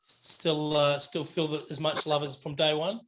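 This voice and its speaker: A man with a slightly higher voice joins a video call chat. He teases the others with crude banter and casual swearing. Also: flat delivery, unhurried, fairly bright tone, low-quality recording. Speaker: club member.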